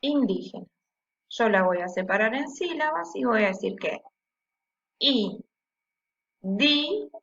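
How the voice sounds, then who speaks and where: A woman teacher explaining a lesson slowly and patiently, checking often with the class and stressing syllables aloud to demonstrate. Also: medium pitch, expressive, vocal fry, dull audio. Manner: slow and patient, with frequent checking "¿sí?".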